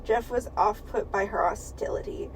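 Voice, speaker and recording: A woman's voice: medium pitch, moderate pace, a little hiss or hum, low-quality recording. A woman co-hosting a podcast, reading a book aloud for laughs, giggling often and swearing freely. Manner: giggly and profane, breaks into laughter while reading. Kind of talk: comedic read-aloud with banter.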